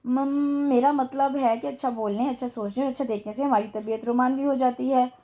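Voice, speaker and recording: A woman's voice: high voice, steady tone, fairly quick, warm tone. A woman voicing a flustered but feisty young female office worker who chatters nervously.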